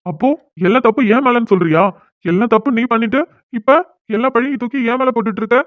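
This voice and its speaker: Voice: medium pitch, quick pace, no echo, lightly acted. A voice actor doing a whiny cartoon young husband. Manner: whining, pleading. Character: young man, whiny, sulking new husband. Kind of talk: cartoon dialogue. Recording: tinny phone-like sound.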